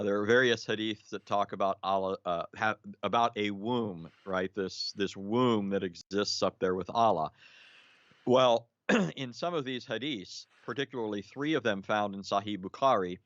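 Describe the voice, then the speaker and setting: A man with a low voice talks through a long explanation on a live stream. He lectures with many "uh"s and restarts and keeps checking in with "right?". The sound is dry and close, a little dull and lo-fi. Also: fairly bright tone, dry recording. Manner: lecturing, frequent fillers and restarts, rhetorical "right?". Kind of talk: live online discussion, explaining.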